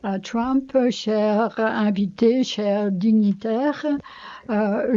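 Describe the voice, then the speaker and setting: A woman interpreting speeches live, hesitant and pausing often on fillers. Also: fairly high pitch, warm tone. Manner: hesitant, frequent filler pauses. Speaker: simultaneous interpreter. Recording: dull lo-fi broadcast audio.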